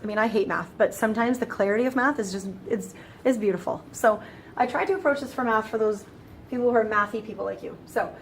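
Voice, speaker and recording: A woman's voice: on the high side, a little hiss or hum. A woman explaining grammar in a casual, chatty lesson, often restarting phrases and walking through it step by step. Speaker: French teacher.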